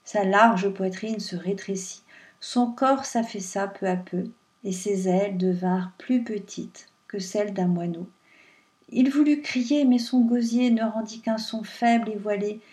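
A woman reading a fairy tale aloud in a calm, measured storytelling manner. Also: mid-range voice, recorded from a distance.

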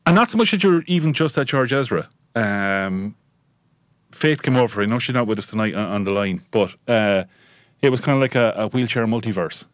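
Fast-talking joking man host. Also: on the low side, animated, no echo, studio quality. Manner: joking, teasing, quick banter. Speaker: radio show host. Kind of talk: casual chat. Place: studio.

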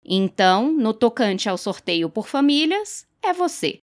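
Lady reading as a calm guy in charge of the village draw, patient, a bit higher pitched. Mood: measured. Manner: measured, gently explaining. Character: calm middle-aged male official running a village draw.

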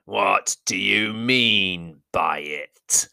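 A man voicing a huge, cruel male goblin king in an audiobook reading, speaking slowly and menacingly, with hissed asides. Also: low-pitched, creaky, bright, forceful tone, clean tone, dry recording, full character voice. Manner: slow, menacing, drawn-out delivery with hissed asides. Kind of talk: audiobook character voice.

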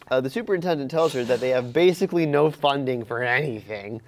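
A podcast co-host, medium-pitched and brisk, recaps a movie's plot in a room with his fellow hosts, laughing as he goes and acting out lines in an animated storytelling style.

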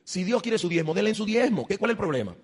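A male pastor preaching an animated sermon, acting out voices and rising to loud, high exclamations. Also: fast, slightly rough. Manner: acts out voices of God and churchgoers. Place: church. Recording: long hall reverb.

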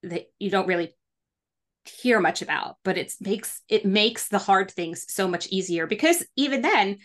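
A woman hosting a podcast, talking in a relaxed, conversational way and often agreeing with her guest. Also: medium pitch, moderate pace. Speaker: podcast host. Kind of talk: casual podcast chat.

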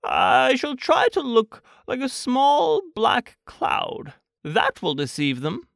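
A male toy bear from a children's storybook, acted out by a narrator, earnest and a little anxious. The voice sits well above ordinary talk and dawdles through hesitant, deliberate musings. It is childlike and serious about everything. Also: mid-range voice, big pitch swings, creaky, a bit bright, dry recording, clean studio sound, pitched above the performer's own voice, full character voice. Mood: pondering, earnest.

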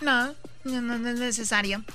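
A woman with a high voice trades sassy jabs on a comedy radio show, scolding the others with mock vanity. Music plays clearly behind her. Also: fairly even intonation, normal speed, bright, forceful tone. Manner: sassy, scolding, playfully vain. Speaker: radio co-host.

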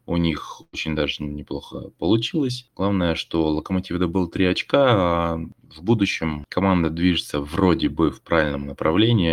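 A man's voice: deep voice, no room sound, studio quality. A man giving earnest, hopeful football analysis after a match. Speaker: football pundit. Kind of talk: post-match discussion.

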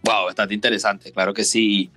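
A Venezuelan man hosts a podcast in a friendly, conversational tone. His voice is bright and forward, recorded dry and close, with faint music underneath. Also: fairly low pitch, little pitch movement, moderate pace, no echo. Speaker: podcast host. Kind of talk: casual podcast hosting.

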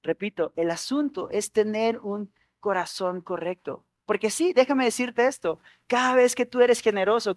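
A man's voice: very high voice, dry recording, clean studio sound. A man preaching a Sunday sermon, earnest and repeating his key points with small stammers. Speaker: pastor.

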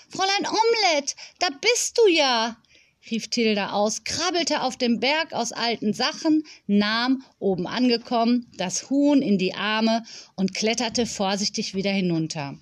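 A woman narrating a children's storybook in a lively way, giving each character a voice. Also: a little high, unhurried, no room sound, studio quality. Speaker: audiobook reader.

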